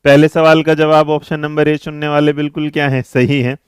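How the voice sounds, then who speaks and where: Male exam-prep tutor, live online class; coaxing, quick to quiz students, slightly high pitch, smooth and resonant. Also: flat delivery, no room sound, studio quality. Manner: brisk, coaxing, calls students 'beta' and 'mere bachche'; reads and answers chat messages mid-lesson.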